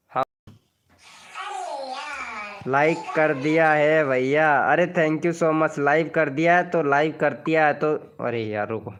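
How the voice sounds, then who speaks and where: A man's voice: on the high side, fairly bright tone, smooth. A man chatting casually on a livestream, greeting viewers by name and repeating his phrases as he reads out their comments. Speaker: live streamer greeting viewers.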